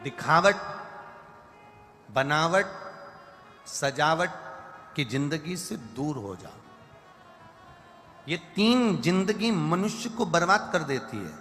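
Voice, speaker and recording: A man's voice: on the high side, sing-song, sharp tone. A man giving a devotional sermon at a large religious gathering, preaching in repeated lists and rhythmic phrases. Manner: sings verses slowly, then preaches in repeated lists. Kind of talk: devotional sermon with sung bhajan lines. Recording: live broadcast with long reverb and faint music.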